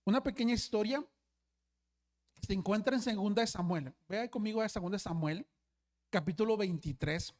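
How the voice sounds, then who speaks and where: A man's voice: sits high, darkish tone. A man who is a pastor, preaching a sermon and telling a story, with frequent restarts and constant asides to his listeners. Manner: storytelling, often says hermanos, frequent restarts.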